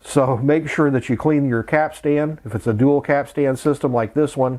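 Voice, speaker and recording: At a normal speed and in a mid-range, slightly mellow voice, a middle-aged man runs a laid-back tutorial for his vintage electronics channel. He keeps his explanations plain and goes step by step, with music in the background.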